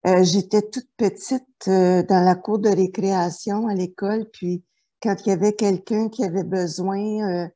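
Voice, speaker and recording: Mellow and medium-pitched, with fairly even intonation and a measured pace, this woman is a middle-aged therapist from New Brunswick, Canada. As an interview guest telling her life story, she is hesitant, frequently restarting and using fillers.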